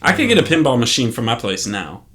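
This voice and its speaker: A young man co-hosting a podcast, relaxed and slangy, giving short casual replies. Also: mid-range voice, fast. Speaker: podcast co-host. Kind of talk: casual chat.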